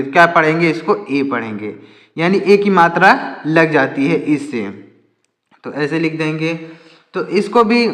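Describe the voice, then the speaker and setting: High-voiced man teaching in an echoey room. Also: a bit bright. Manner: patient, repeats each point as a question and answer. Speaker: English teacher. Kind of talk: step-by-step lesson. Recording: echoey room with long reverb.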